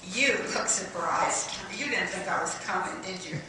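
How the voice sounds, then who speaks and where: A woman's voice: on the low side, animated, moderate pace, noisy background, lightly acted. A woman voicing a desperate, wisecracking woman in her late thirties who speaks in dry, blunt one-liners. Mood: sardonic. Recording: echoey stage from far off.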